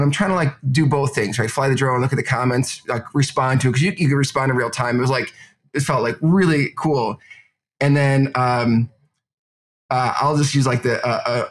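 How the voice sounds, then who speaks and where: A man in his thirties in a casual podcast conversation, talking in a loose, rambling way and laughing easily. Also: medium pitch. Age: 30s. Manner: rambling, many fillers and restarts, laughs easily.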